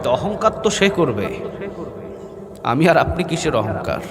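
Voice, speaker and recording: Slow sing-song male preacher, kinda high voice, echoey rally with crowd noise. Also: big pitch swings. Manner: calls on the crowd to answer; chants phrases in a sung tone. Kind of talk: Bengali waz sermon.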